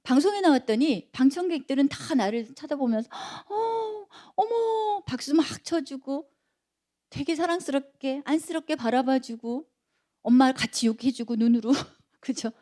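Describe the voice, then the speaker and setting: A woman lecturer giving a public lecture, animated, acting out quotes and putting questions to her audience. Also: high-pitched, moderate pace. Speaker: lecturer, counseling institute director.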